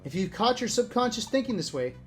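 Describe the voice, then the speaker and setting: Reading a book aloud to viewers, a streamer speaks briskly in a mid-range voice with big pitch swings while background music plays. The tone is casual, and they interrupt themselves with wry asides and direct comments to the audience.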